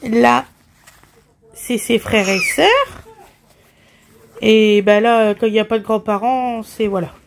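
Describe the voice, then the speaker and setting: Mom vlogger, high unhurried voice, sing-song with her baby. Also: lively intonation, vocal fry, slight background noise. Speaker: vlogger, mother. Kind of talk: casual home vlog chat.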